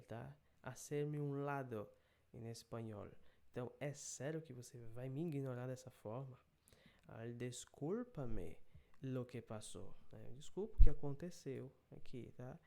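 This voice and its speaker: A man's voice: mid-range voice, dark tone. A man teaching a video lesson, explaining a drama clip and checking in often with short tag questions. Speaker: language teacher.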